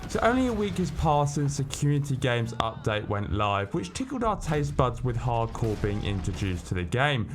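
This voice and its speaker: A British man narrating scripted gaming news as a host, in a colloquial, tongue-in-cheek manner. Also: medium pitch.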